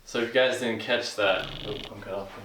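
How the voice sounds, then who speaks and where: A man's voice: on the low side, steady tone, brisk, noisy background. A man chatting casually as he takes part in a challenge video. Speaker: challenge participant. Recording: echoey room, far from mic, music.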